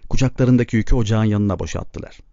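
A man narrating a novel as an audiobook in a calm, measured way. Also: lowish voice, dry recording. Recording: dull lo-fi dry recording.

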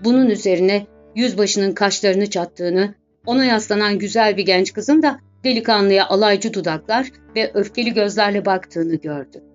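Female audiobook narrator, measured dramatic literary reading, mid-pitched voice; dull lo-fi track with faint music underneath.

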